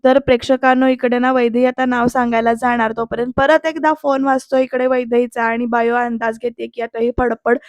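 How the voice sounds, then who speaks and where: A woman with a slightly high, level voice narrates a voice-over recap of a TV serial episode, speaking briskly with few pauses. As a serial reviewer, she tells the story in a chatty way, addressing her viewers directly. There is no echo.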